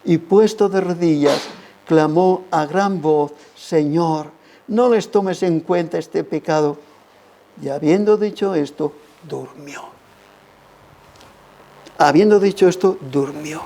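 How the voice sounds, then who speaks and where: A man with a Spanish accent preaching a sermon as pastor, slow and emphatic, his pitch rising and falling. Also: gravelly, mellow.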